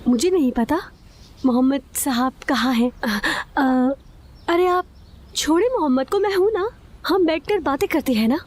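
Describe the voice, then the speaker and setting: A flustered, coaxing young reporter. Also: female voice, high voice, animated, normal speed, darkish tone. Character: young woman, nervous and coaxing. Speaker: journalist.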